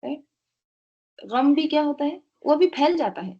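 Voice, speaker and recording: A woman with a slightly high voice teaches a Quran tafsir lesson. She recites verses slowly, then breaks down word roots step by step, asking questions and answering them herself. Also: animated, dark tone, dull audio. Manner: explains word roots step by step, asks and answers own questions, tag "right?".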